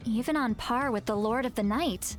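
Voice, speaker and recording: Calm commanding lady leader in a game, voiced by a woman, explains things steady and sure, slightly high voice. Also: moderate pace, faint music behind, natural voice. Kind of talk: game voice acting.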